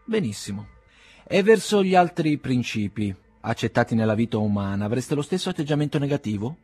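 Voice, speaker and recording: A man reading as a haughty aristocratic older gentleman. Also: mid-range voice, expressive, brisk, breathy edge, faint music behind. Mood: ironic. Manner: icy, mannered courtesy.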